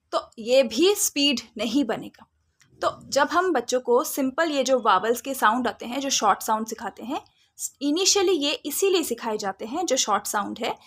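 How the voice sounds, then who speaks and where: A woman giving a phonics lesson to parents, drawing out and sounding out letters slowly. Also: sits high, fairly bright tone. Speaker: phonics teacher.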